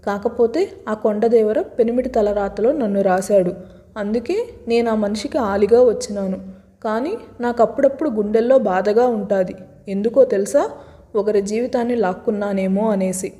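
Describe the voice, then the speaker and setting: A woman's voice: mid-range voice, normal speed, warm tone, in a large hall, lightly acted. A woman voicing a naive, earnest young village wife who talks in plain rustic village speech.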